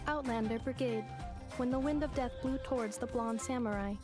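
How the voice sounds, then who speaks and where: A polite, dutiful robot butler, as a woman voices it for a video game, reporting each task in clipped, formal, machine-like phrases. The voice sits a little high and stays flat and deadpan. Game music plays clearly behind her. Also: normal speed, close to an everyday voice. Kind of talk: video game character voice lines.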